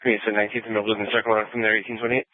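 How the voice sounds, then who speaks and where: Dispatcher heard over a tinny scanner radio: dry, narrow-band, quick routine read-backs. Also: male voice, lowish voice, flat delivery, dry recording. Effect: heard over a police scanner radio. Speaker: police dispatcher.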